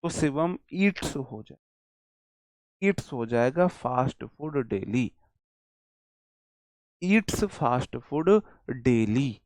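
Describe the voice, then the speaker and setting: Man from India, English grammar teacher, slow emphatic lecture, quizzes and answers himself, dry close sound. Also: medium pitch, expressive, dry recording. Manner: slow, emphatic, drags out example words; asks questions and answers himself. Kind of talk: classroom lecture.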